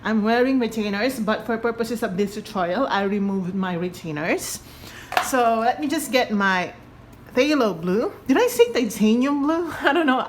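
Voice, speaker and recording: A woman's voice: on the high side, a little hiss or hum. A woman hosting a painting tutorial in a chatty, giggly, casual way, with slightly awkward articulation from braces just being removed. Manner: chatty, giggly, self-correcting. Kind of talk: casual hands-on tutorial talk.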